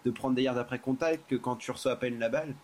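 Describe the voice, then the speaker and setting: A man's voice: mid-range voice, fairly even intonation, quick pace, a little mellow, a little hiss or hum. A man leading a casual podcast discussion, asking questions in a conversational way.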